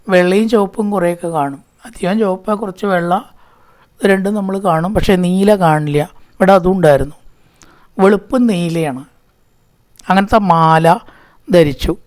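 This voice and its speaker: A man teaching scripture, slowly chanting Sanskrit verses and then explaining each one in relaxed, conversational speech. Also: sits high.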